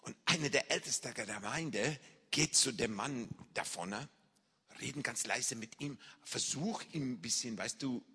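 A man shares a personal story from the pulpit of a large hall full of echo, speaking German carefully and slowly with occasional learner's mistakes. Bright and somewhat husky, sitting slightly high, his voice swings expressively as he dramatizes the shouting and reactions in each scene.

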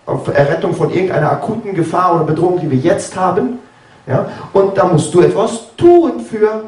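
Man, sermon, chatty, fairly high voice, echoey room. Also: animated, brisk, a little mellow, far from the mic. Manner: conversational, keeps asking "ja?" and "ne?"; acts out biblical dialogue with sudden pitch jumps. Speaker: preacher. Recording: roomy, from off-mic.

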